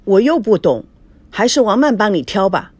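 A woman voicing a weary young groom in an audiobook, speaking in a flat, dejected way. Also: medium pitch, moderate pace, slightly rough, dry recording. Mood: gloomy.

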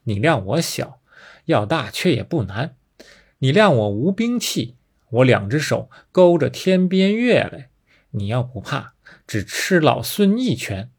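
A man's voice: mid-range voice, animated, unhurried, breathy edge. A man voicing a brash, boastful male monkey king with a taunting, swaggering manner.

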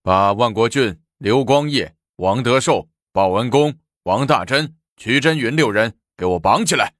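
A man's voice: lowish voice, animated, unhurried, a bit bright, no echo, clean studio sound. A man voicing a stern, cold male chancellor who declaims an imperial edict.

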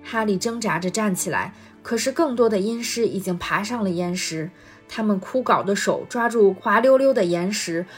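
A woman reading a storybook chapter aloud in a steady, expressive voice. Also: mid-range voice, moderate pace, soft background music. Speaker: guest reader.

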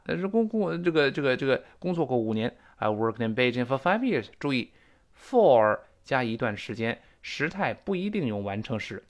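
A middle-aged man, a native Chinese speaker, teaching a spoken English lesson and repeating phrases for drill. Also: medium pitch.

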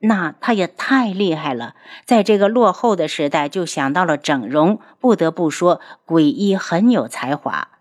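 A woman's voice: on the low side, expressive, normal speed, hardly any pauses. A woman narrating a novel audiobook expressively, acting out the characters.

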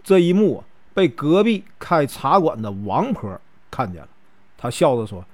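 A man from Northeast China, narrating a classic tale in a folksy, chatty way with drawn-out particles. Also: on the high side, very animated. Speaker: storyteller.

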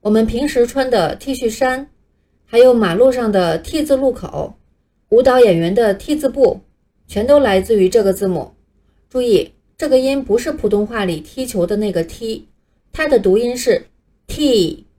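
A woman whose first language is Chinese leads a scripted English lesson. She explains each letter patiently and says it clearly for learners to repeat. Her voice sits a little high but has a soft, mellow tone. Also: lively intonation, moderate pace. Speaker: English teacher. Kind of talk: scripted teaching narration.

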